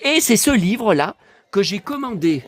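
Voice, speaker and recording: A man casually vlogging about collector books, excitable and rambling, talking straight to his viewers. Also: high voice, moderate pace.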